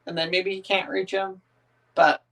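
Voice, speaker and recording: During a casual livestream chat, a man in his thirties from the northern United States reads viewer comments aloud and answers them. His high-sitting, sharp voice stays level at a moderate pace, and his easygoing, rambling replies are full of ums, filler words and restarts.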